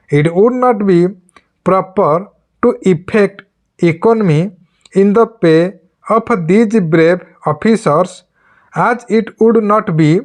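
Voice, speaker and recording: Slow, measured dictation reader. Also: mid-range voice. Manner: dictating, deliberate word groups with pauses. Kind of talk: dictating a speech at a slow measured pace for shorthand practice.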